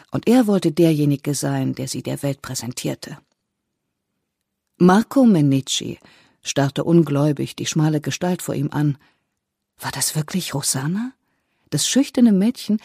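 A narrator reading a novel aloud in a calm, measured way, close to the mic. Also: mid-range voice, vocal fry, slightly rough, dry recording. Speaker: audiobook narrator.

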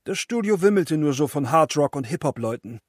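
A man reading an audiobook, telling his story in a lively, self-mocking way on a close studio mic. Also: fairly high pitch, brisk, dry recording. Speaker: audiobook narrator. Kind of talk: scripted audiobook narration.

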